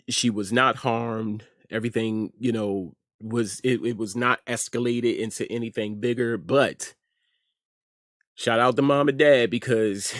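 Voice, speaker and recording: A middle-aged American man with a mid-range, slightly bright voice hosts an online news commentary show. He gives informal opinions emphatically, repeating phrases for effect. The studio-quality recording has no room sound.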